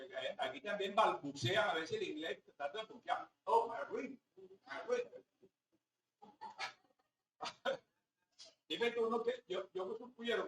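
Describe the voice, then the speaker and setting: A man's voice: high voice, a bit bright. A Venezuelan man, a professor, giving a classroom lecture in a chatty way with rhetorical asides to his listeners. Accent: Venezuelan Spanish. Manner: conversational, rhetorical asides to the audience. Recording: roomy hall, mic at a distance, faint background noise.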